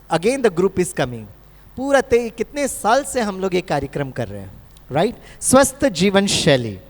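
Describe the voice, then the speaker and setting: A middle-aged man from India giving a seminar talk on heart health and meditation, telling stories and acting out dialogues, repeating key phrases. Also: high voice. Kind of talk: live seminar talk mixing Hindi and English. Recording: long hall reverb.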